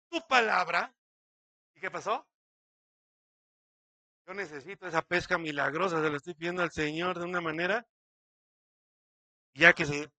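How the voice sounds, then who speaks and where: A man's voice: high voice, bright, forceful tone, no echo. A man, a pastor preaching a sermon dramatically, acting out quotes and asking many rhetorical questions.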